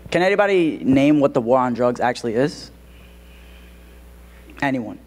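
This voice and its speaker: A man explains a topic to a hall of students. His delivery is steady and plain, with frequent fillers between points. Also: medium pitch, normal speed. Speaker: co-presenter. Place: school auditorium.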